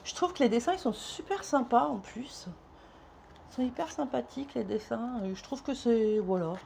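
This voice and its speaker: A woman's voice: fairly high pitch, moderate pace, gravelly, a little mellow, slight background noise. A woman with a French accent chatting casually to camera as a vlogger, rambling and swearing lightly, a little out of breath.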